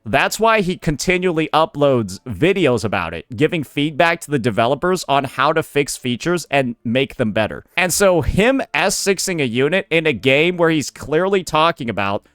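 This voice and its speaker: A man with a fairly high voice delivers opinionated reaction commentary. He is sardonic and blunt, with casual swearing, and the sound is close and dry. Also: sing-song, normal speed, few pauses, fairly bright tone, clear, resonant tone, dry recording.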